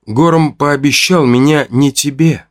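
Give me a stern young healer woman, as a male narrator puts her on, raised pitch. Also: takes it slowly. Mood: firm. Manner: firm, demanding.

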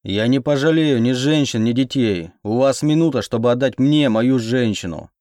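A man's voice: mid-range voice, normal speed, darkish tone, no room sound, studio quality, close to an everyday voice. A man voicing a menacing warlord in a bear mask who bellows threats at a city.

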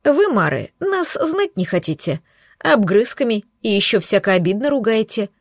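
A woman's voice: medium pitch, very animated, normal speed, dry recording, studio quality. A woman voicing a tiny tentacled sea creature that haggles in a whiny, indignant way. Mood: aggrieved. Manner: whiny, bargaining.

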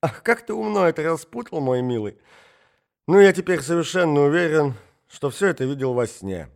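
A man reading an audiobook, voicing a muddled, forgetful old prince who rambles and brightens easily. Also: a little high, lively intonation, normal speed, gravelly, pitched above the performer's own voice. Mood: delighted.

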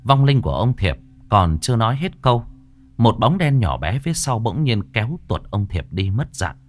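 A man narrating a ghost story in a slow, somber way. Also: fairly low pitch, very animated. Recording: faint music behind the voice.

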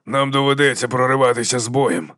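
A man reading an audiobook voicing a grim, steady veteran soldier who gives terse orders. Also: medium pitch, brisk, no room sound, studio quality, lightly acted. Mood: commanding. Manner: terse, commanding.

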